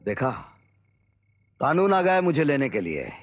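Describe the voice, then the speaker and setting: An actor playing a bitter, vengeful grown son turned killer, intense and defiant, in tinny old film audio. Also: male voice, medium pitch, wildly swooping pitch, a little slow, heavily acted.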